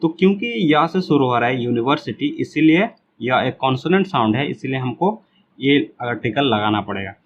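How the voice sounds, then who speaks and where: Patient male teacher explaining grammar slowly. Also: mid-range voice, lively intonation, highs cut off, slight background noise. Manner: patient, repeats words slowly, asks and answers his own questions. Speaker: English teacher. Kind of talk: classroom lesson explaining grammar.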